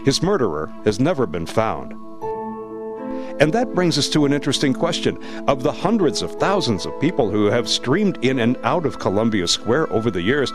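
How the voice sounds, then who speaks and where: A man narrating a radio documentary from a script. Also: medium pitch.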